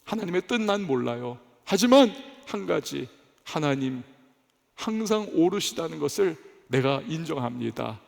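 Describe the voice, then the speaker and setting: A preacher acts out a broken, humbled man who pleads earnestly and gives himself up to God. The voice is gravelly and rises and falls. It echoes through a large church hall. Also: fairly high pitch, very animated, normal speed, exaggerated voice.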